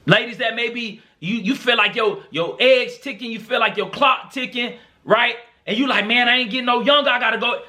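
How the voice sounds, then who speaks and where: Young male podcast host; earnest motivational speaker, bright and high-pitched. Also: moderate pace, hardly any pauses. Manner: earnest, encouraging, preacher-like repetition.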